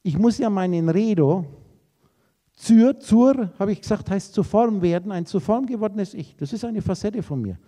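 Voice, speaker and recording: This is a man lecturing to a live audience, his voice pitched high yet dark and mellow in tone. He rambles through associative wordplay and speaks to his listeners directly and casually. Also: expressive, normal speed. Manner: addresses listeners directly and informally. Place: lecture room.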